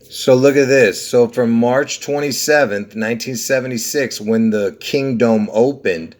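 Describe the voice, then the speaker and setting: A little slow and slightly mellow, a medium-pitched male voice from Lebanon hosts a numerology conspiracy walkthrough. He pushes through the numbers in a rambling, insistent way, frequently checking in with "okay?" and "you see?".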